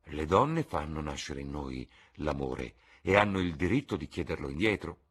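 A man voicing an earnest, impulsive young man in an audiobook reading, with a husky voice and an eager, emphatic delivery. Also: extremely low pitch, expressive, moderate pace, heavily acted.

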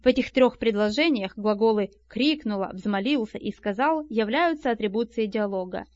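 Woman reading an audiobook, raised pitch. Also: expressive, normal speed, darkish tone. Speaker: audiobook reader. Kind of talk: audiobook narration of a nonfiction book. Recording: dull, lo-fi and dry.

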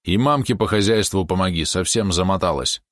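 A tired, gruff village father speaking to his son with plain concern, as the narrator voices him. The voice is low and dry. It is spoken close to the mic. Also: fairly quick, a bit bright, no room sound. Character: weary, caring middle-aged village father.

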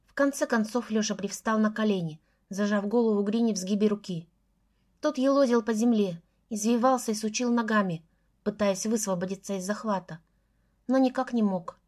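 A woman's voice: mid-range voice, normal speed, a little mellow. A woman reading a novel aloud in the first person, with tense, intimate storytelling. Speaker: audiobook narrator.

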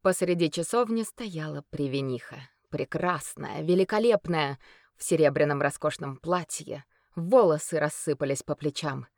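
A woman reading a fantasy story aloud in a steady, expressive audiobook narration. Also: sits low, normal speed, dry recording, clean studio sound.

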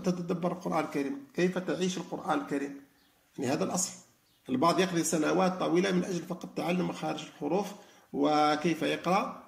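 A man's voice: on the high side, creaky, roomy sound. A man giving a spoken religious lesson, explaining with frequent fillers and restarts. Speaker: lecturer on Quran reflection.

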